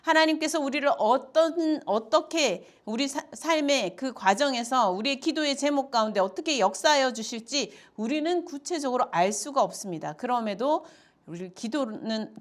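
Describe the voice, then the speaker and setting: Storytelling woman pastor preaching. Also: fairly high pitch. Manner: storytelling retelling with acted-out quotes and frequent "uh" fillers. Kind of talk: expository sermon.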